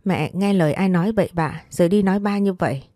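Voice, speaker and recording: A woman's voice: on the low side, fast, warm tone, no echo, studio quality, close to an everyday voice. A woman voicing a hot-tempered young married woman who snaps in angry outbursts. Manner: snapping outbursts.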